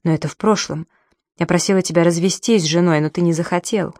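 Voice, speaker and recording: A scornful, cold-hearted woman in an audiobook, breaking off an affair with sharp, mocking words, voiced by a female narrator. Her tone is low and the sound is dry and close. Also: steady tone, quick pace, no echo, close to an everyday voice. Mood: bitter. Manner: sharp and mocking, then falsely sweet.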